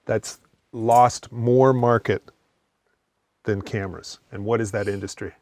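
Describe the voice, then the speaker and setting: A man's voice: on the low side, fairly even intonation, a little slow, a little mellow. A man co-hosting a photography podcast, chatting casually and animatedly, often restarting his sentences. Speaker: podcast co-host. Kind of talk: casual chat.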